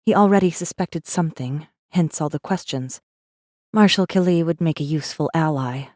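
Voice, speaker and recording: Deep and a little mellow, the woman's voice moves at a moderate pace, lightly acted, in a studio-quality recording with no room sound. An actress gives voice to a sardonic rebel messenger who tells her own story for a space fantasy audiobook, keeping the first-person narration intimate, wary, guarded and brooding.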